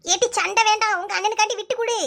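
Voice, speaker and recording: A woman voicing a bedridden, sharp-tongued old mother-in-law in a comic cartoon, nagging and scolding in a Kanyakumari Tamil accent. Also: extremely high pitch, steady tone, very fast, creaky, heavily acted. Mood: pleading.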